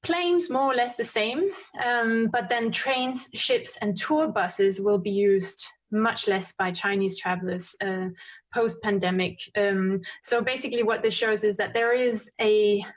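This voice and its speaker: A woman giving a conference presentation with slides, talking quickly with frequent fillers and self-corrections. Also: medium pitch. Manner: fast-paced with frequent fillers and restarts. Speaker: conference speaker. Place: conference stream.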